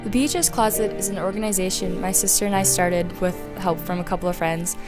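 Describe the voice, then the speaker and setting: A woman's voice: lowish voice, fairly even intonation, fast talker. A young woman, a student interviewee, explaining casually with fillers. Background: music.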